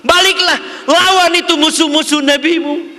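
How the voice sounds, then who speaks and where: A man's voice: very high-pitched, fairly even intonation, normal speed, pushed and bright. A male preacher voicing a grieving noble father who urges his children with tenderness. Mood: tender. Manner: tender urging. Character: grieving noble father, gentle commanding man. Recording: echoey hall reverb.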